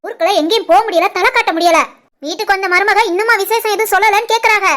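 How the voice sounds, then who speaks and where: In an animated family cartoon, a woman plays a taunting, spiteful young sister-in-law with a Tirunelveli Tamil accent. She talks fast in a very high pitch, hurling taunts and accusations.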